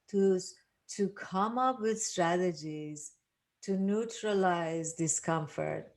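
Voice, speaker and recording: Low-voiced older woman teaching. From Iran. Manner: earnest, with frequent restarts and rhetorical asides. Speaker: workshop facilitator. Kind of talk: reflective teaching talk.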